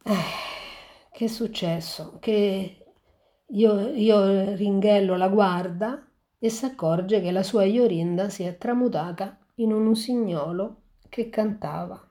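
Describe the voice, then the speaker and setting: A woman reading a fairy tale aloud and pausing to reflect on it, talking in a halting way with frequent restarts. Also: mid-range voice, warm tone. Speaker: storyteller.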